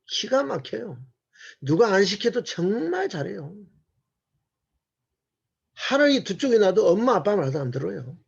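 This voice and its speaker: High, gravelly man lecturing a church class. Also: darkish tone. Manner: earnest, asks the audience rhetorical questions. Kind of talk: sermon-like lecture. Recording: muffled lo-fi recording.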